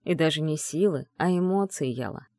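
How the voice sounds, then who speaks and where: A man voicing an arrogant male mage mentor who taunts in a calm, low, mocking tone, in an audiobook. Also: normal speed, no room sound, clean studio sound, lightly acted. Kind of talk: audiobook dialogue reading.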